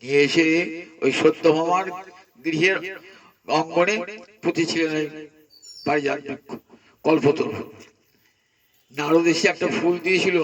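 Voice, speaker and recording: A man, preaching an animated storytelling sermon. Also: on the high side, recorded from a distance, poor audio. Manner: animated, acts out voices. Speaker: Vaishnava preacher.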